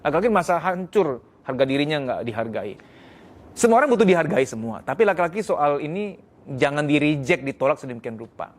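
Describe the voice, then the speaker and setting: Man with a higher voice giving blunt marriage advice. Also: fairly quick. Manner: blunt, earnest, animated. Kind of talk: frank advice talk.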